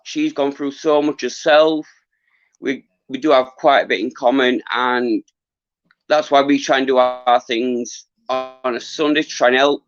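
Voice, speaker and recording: A middle-aged man talks casually to his livestream viewers, earnest and rambling, with frequent halts. His voice is mid-pitched and giving out a little. The sound is dry and somewhat muffled, like a lo-fi phone stream. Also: steady tone, unhurried, clean tone, dry recording. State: losing his voice. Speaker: livestream host, former boxer. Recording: dull lo-fi livestream audio.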